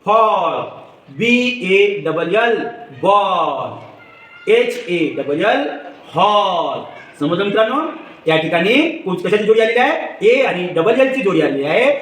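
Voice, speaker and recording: A man giving a children's phonics lesson, slowly spelling out letters and asking the viewer questions, then answering them himself. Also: high voice, a bit bright. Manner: slow, patient, spells letters one by one. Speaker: teacher. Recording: echoey room, far from mic.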